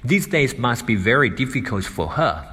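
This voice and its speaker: A man reading a woman's dialogue lines about sad news, slowly and carefully. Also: mid-range voice, sing-song, sharp tone, breathy edge, soft background music, heavily acted. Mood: sympathetic. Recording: long reverb.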